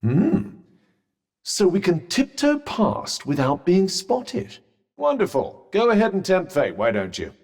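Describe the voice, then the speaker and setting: A man's voice: high-pitched, huge pitch swings, takes it slowly, darkish tone, exaggerated voice. A British man voicing a sentient magic cuff in a video game, a droll, haughty, fussy companion with a pompous, sardonic, wordy way of talking. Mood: encouraging, smug. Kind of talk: scripted game character banter. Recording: long reverberant echo on the voice.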